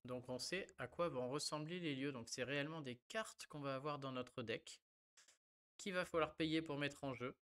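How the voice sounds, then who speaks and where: A man's voice: a little high, normal speed, a bit bright, clear, resonant tone. A man casually talking about card game decks and a giveaway, chatty and full of fillers. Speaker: card game content creator. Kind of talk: casual gameplay commentary.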